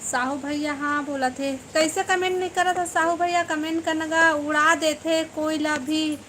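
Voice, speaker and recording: A woman's voice: high-pitched, steady tone, moderate pace, fairly bright tone, slight background noise. A woman with a Chhattisgarhi accent hosting a casual live stream, teasing and bantering with viewers by name.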